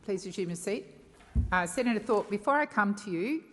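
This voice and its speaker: A woman's voice: medium pitch, lively intonation, a little fast, a bit bright. A woman with an Australian accent presiding over a formal debate, firm and authoritative, repeating names and instructions. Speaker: parliamentary presiding officer. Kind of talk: formal procedural chairing of a debate. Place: large parliamentary chamber. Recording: echoey chamber with long reverb.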